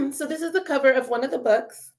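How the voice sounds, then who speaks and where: A woman with a high, fairly quick voice gives a casual webinar talk as an author and educator. She's chatty and upbeat about how children learn, and her speech is full of fillers like "you know" and "um."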